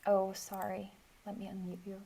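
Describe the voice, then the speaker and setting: A woman hosting an online design workshop over a video call, organized and often pausing with "um". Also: mid-range voice, monotone, warm tone, husky. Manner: organized, with frequent "um" fillers. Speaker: workshop host.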